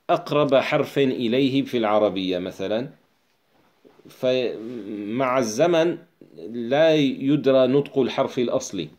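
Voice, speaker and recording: A man reading a classical text aloud and explaining it as a teacher, measured and unhurried, with pauses and filler sounds. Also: mid-range voice, a little mellow.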